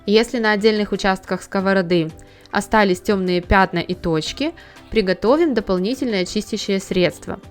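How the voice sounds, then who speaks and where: Calm woman narrating cleaning steps. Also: mid-range voice, normal speed, soft background music. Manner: calm, instructive, step by step. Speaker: home cleaning tips host. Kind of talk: scripted how-to voice-over.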